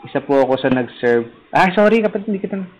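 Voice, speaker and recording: Male parish priest, casual livestream host; light, somewhat high voice; playful and teasing. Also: lively intonation, fast, dull audio. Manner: playful, teasing, laughs at own jokes. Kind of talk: casual livestream chat reading viewer comments. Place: rooftop garden, third floor.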